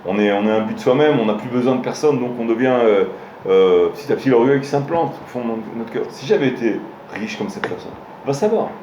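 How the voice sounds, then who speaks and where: A man's voice: medium pitch, lively intonation, brisk, highs cut off, background noise. A man, a rabbi, giving an informal Torah lesson, telling stories with frequent restarts and hesitations and speaking directly to his listeners. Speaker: rabbi teaching a Torah class. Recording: roomy room with faint ambience.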